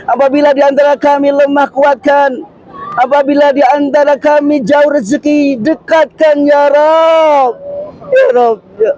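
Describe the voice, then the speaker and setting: A man with a strikingly high, mellow voice leads a congregation in fervent supplication. He pleads in rhythmic repeated refrains, his delivery earnest and devotional, like a preacher guiding pilgrims through prayer. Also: level tone, a little slow, highs cut off, a faint crowd. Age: adult, a father and husband. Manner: chanted Arabic prayer, then tearful pleading refrains in Indonesian. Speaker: ustadz leading pilgrims in prayer. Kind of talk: impassioned supplication. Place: large mosque courtyard, in public.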